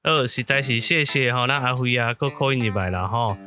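A man's voice: mid-range voice, brisk, music in the background. A man hosting a podcast, reading a mock radio news bulletin in a folksy, old-style announcer manner. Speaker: podcast host.

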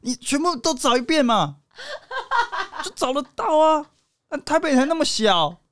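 Sulky demanding girlfriend, as a man puts her on, high and whiny. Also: sing-song, normal speed, a bit bright, no room sound, full character voice. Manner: whiny, teasing and exaggerated. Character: sulky, demanding young woman picking a fight with her boyfriend.

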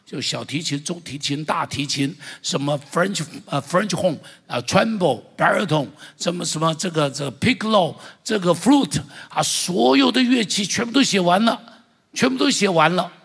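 A middle-aged male pastor giving an impassioned sermon, with loud exclamations and calls for the congregation to repeat after him. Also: sits high, lively intonation, moderate pace, creaky, husky. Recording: long church-hall reverb.

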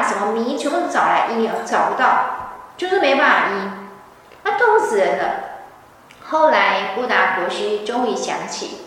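A woman's voice: on the high side, a bit bright, slight background noise. A woman giving a scripture lecture, telling the story animatedly. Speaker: religious teacher. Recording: echoey hall from far off.

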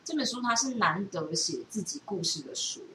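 A woman with a Taiwanese accent hosts a podcast, chatting casually and thinking aloud in a rambling way. Her mid-range voice has lively intonation and a moderate pace, sounding reverberant through a distant mic with faint background noise.

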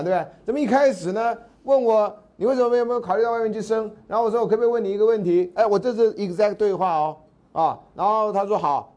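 Mellow-voiced Taiwanese Mandarin lecturer, man. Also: high voice. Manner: chatty, keeps asking listeners "right?"; acts out dialogue from his anecdotes. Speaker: university lecturer. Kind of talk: storytelling lecture.

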